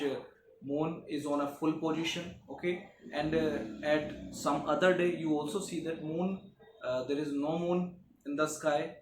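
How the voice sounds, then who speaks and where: A man teaching a geography lesson to schoolchildren, often filling pauses with "okay" and "uh". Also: fairly high pitch. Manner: frequent "okay" and "uh" fillers, repetitive explaining. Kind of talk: classroom lecture. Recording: echoey room, faint background noise.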